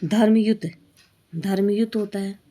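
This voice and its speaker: A woman's voice: medium pitch, flat delivery, a little slow, dark tone. A woman teaching a Hindi exam-prep lesson with an Indian accent, steadily listing wrong and correct spellings. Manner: drills words, stating wrong then right spelling.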